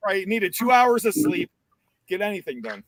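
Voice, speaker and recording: A man's voice: high-pitched, sing-song, moderate pace, crowd noise, low-quality recording. A man co-hosting a casual chat, joking and teasing the others and laughing often. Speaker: co-host.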